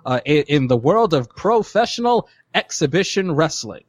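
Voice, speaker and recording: A man's voice: fairly high pitch, sing-song, normal speed. A man chatting playfully as a podcast panelist who likes announcer-style voices. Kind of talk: casual chat.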